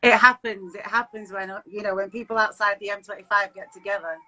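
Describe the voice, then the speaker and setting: A woman's voice: medium pitch, fairly even intonation, a little fast, pushed and bright, low-quality recording. A woman from Manchester, a guest vocalist in a casual live-stream chat, giggly and easygoing, heard over a video call. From Manchester, England.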